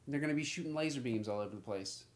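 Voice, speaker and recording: A man's voice: medium pitch, racing. A man acting in comedy outtakes, improvising and reworking his lines with coarse language. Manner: profane, repeats lines with new endings. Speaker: actor recording comedy outtakes. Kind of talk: comic dialogue takes with improvised riffing.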